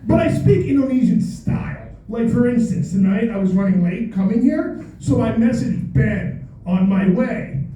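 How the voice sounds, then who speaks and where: A middle-aged man from the United States performs a playful stand-up set on a club stage, teasing the crowd with mock exasperation. His very high voice is warm, with lively intonation, a moderate pace and few pauses. The room is echoey, he sounds a bit distant, and there's slight background noise plus audience laughter.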